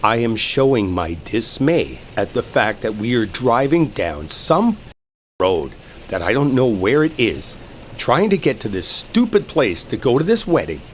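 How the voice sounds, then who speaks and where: A man with a medium-pitched, very animated voice and a measured pace acts as an exasperated coworker arguing while driving in an enemies-to-lovers roleplay. He's sarcastic, irritated and swearing, full of bitter exasperation. A rainstorm and car sounds are audible behind him.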